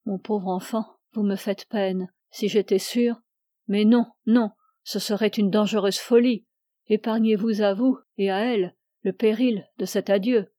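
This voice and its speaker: A man's voice: high voice, steady tone, measured pace, warm tone, no echo, studio quality. A woman reading a fervent old priest. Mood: grave. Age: older. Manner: solemn, fervent preaching. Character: aging ascetic male priest, imperious and pleading.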